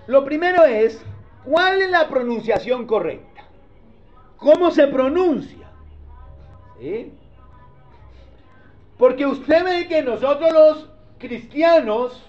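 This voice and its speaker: A pastor teaches his congregation in a very high voice. He keeps stopping to ask whether they follow. The recording sounds dull and lo-fi. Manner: conversational, keeps checking in with the congregation. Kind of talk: teaching sermon.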